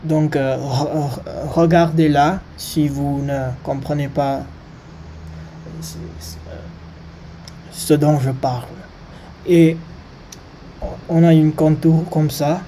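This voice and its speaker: A non-native French speaker with a foreign accent gives an informal maths lesson, haltingly searching for words. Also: medium pitch, fairly even intonation, mellow, a little hiss or hum. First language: not French. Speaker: maths video presenter.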